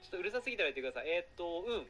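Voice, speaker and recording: A man chatting casually on a live stream, excitable and rambling, often apologizing for being too loud. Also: high voice, rapid-fire. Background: background music.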